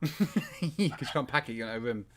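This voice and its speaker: A man with a medium-pitched voice talks at a moderate pace while co-hosting a live podcast. In casual chat, he tells stories with animation and laughs often.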